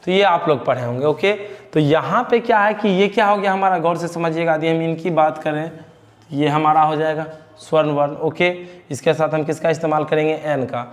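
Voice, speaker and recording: A male teacher with a Bihari Hindi accent, his voice sitting a little high as he drills a grammar lesson. He keeps asking the class a question and answering it himself, repeating key terms. The sound carries a long reverberant tail. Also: steady tone, moderate pace.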